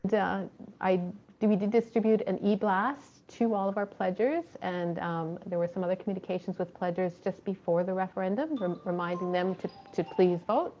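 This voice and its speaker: A woman's voice: mid-range voice, normal speed, lo-fi sound, slight background noise. A woman presenting a fundraising report to a committee, talking steadily with many ums and uhs. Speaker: fundraising coordinator.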